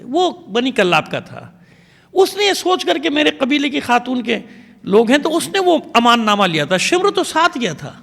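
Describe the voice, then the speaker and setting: A man's voice: very high voice, gravelly, pushed and bright. A man, a religious scholar, giving an emphatic, digressive sermon lecture and pleading with his listeners. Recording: long hall reverb.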